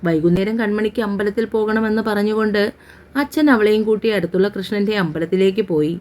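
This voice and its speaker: A woman narrating a romance novel as an audiobook in a steady, unhurried storytelling manner. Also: mid-range voice.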